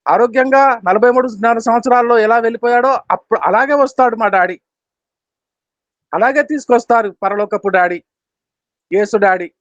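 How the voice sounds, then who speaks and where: A man's voice: very high-pitched, no room sound. A man in his fifties preaching an Easter sermon, emphatic and repetitive, with rhythmic lists and short English phrases. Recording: dull, dry lo-fi recording.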